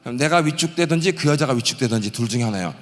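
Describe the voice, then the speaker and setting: A man in his late thirties from the Gyeongsang region preaching a testimony sermon, telling his story with animated energy and acting out the prayers and shouts he quotes. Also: medium pitch, very fast, long reverb tail. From Gyeongsang region, South Korea. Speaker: pastor and missionary. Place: church sanctuary.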